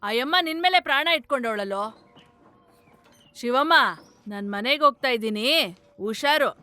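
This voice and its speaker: A woman's voice: high-pitched, lively intonation, moderate pace, sharp tone, clear, resonant tone. An actress playing a blunt, scolding village woman in a film drama. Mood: advising.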